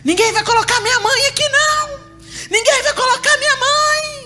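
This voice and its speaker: A woman preacher putting on the shrill, shouting voice of a distraught young woman screaming at a graveside. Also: normal speed. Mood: frantic. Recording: reverberant church hall with music.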